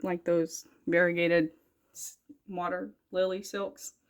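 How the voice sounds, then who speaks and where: A chatty young woman with a lowish voice, talking through her stitching in a loose, rambling way. She stops to correct herself and circles back to earlier points. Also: little pitch movement, slow. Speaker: cross-stitch vlogger. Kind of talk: casual chat.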